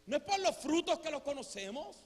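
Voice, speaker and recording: A pastor preaching a lively, conversational sermon, full of rhetorical questions. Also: male voice, extremely high pitch, brisk, in a large hall. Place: church sanctuary.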